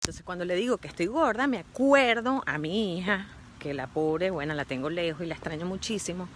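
A middle-aged woman chatting in a casual phone vlog, lively and coaxing with children. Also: on the low side, fairly quick, a little hiss or hum. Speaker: influencer.

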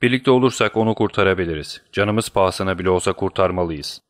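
A man voicing a panicked bearded stranger who rushes his words and pleads loudly. He sounds desperate and frantic throughout, and a touch higher than the reader's plain voice. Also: close to an everyday voice.

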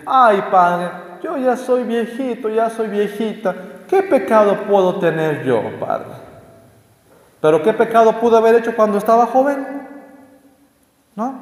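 A man, a priest, giving a conversational homily and asking his listeners rhetorical questions. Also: high voice. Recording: echoey hall reverb.

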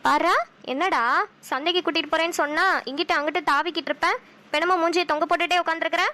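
Woman voicing a brisk, chatty village mother. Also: very high-pitched, fairly even intonation, bright, forceful tone. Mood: storytelling. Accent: Kanyakumari Tamil. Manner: brisk, chatty, quick retorts. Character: sharp-tongued but loving village mother.

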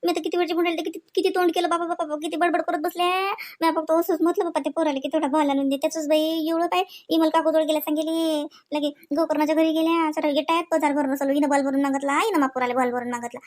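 A woman voices a young village wife from a comedy cartoon, using a very high voice and a Varhadi Marathi accent. She rattles off complaint after complaint quickly, sounding aggrieved and exasperated. Her tone stays level and a little mellow, and the acting is light.

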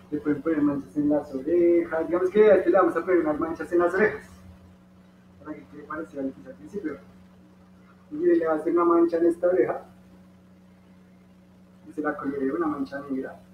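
A man with a Colombian Spanish accent patiently guiding children through an origami dog step by step, encouraging them as he goes. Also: on the high side. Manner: patient, encouraging, talks to the kids directly. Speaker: origami instructor. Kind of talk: step-by-step craft tutorial for children. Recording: distant, roomy and dull with faint hum.

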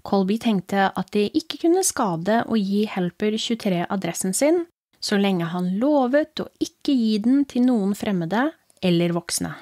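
A woman with a Norwegian accent reading a horror story aloud as a podcast host, in a calm, low, steady storytelling voice. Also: dry recording, clean studio sound. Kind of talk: scripted horror story narration.

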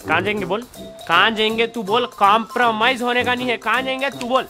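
A man's voice: very high voice, fairly even intonation, a little fast, over music. A man with a Hyderabadi accent acting in a comedy sketch, talking in a boastful and bossy way. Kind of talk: comic sketch in Hyderabadi Hindi.

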